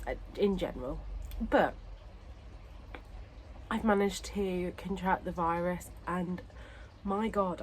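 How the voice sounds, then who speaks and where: A woman's voice: lowish voice, a little hiss or hum, low-quality recording. A woman vlogger talking casually about books, short of breath and ill. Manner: chatty, pauses to catch breath. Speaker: book vlogger. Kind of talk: casual chat to camera.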